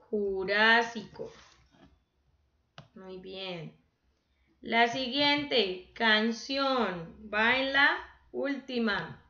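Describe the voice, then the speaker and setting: A woman teacher giving an online class, speaking slowly and patiently and counting syllables aloud. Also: fairly high pitch, sharp tone, reverberant, lo-fi sound.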